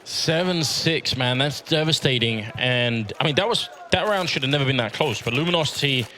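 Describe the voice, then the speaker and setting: A man's voice: mid-range voice, moderate pace, pushed and bright. A man casting esports, giving conversational analysis of the match.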